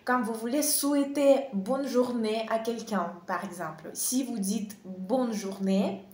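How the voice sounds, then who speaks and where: Slow, careful woman. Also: fairly high pitch, darkish tone. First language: Russian. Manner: slow and careful, many hesitations, spells out pronunciation. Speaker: Russian language teacher. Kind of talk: slow online language lesson. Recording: echoey room.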